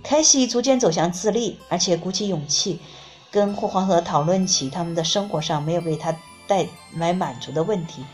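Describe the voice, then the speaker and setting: A woman narrating a book in the first person, reading in a calm, measured way. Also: lowish voice, soft background music. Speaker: audiobook reader.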